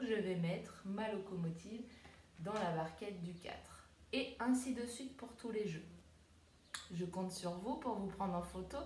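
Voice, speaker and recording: A woman teaching young children from home, speaking slowly and gently, drawing out each word syllable by syllable. Her voice sits at a middle pitch and is picked up by a tablet in a roomy space. Faint ambience hangs behind her. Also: far from the mic, a little hiss or hum. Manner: slow, gentle, syllable-by-syllable demonstrating. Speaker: preschool teacher. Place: countryside home, flies around. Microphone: tablet camera.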